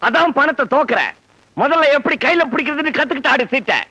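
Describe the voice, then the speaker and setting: A gruff office boss who scolds with sarcasm in a very high, bright voice. The dry sound keeps him close. He talks down to everyone. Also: quick pace, dry recording, dull audio, exaggerated voice. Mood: scolding.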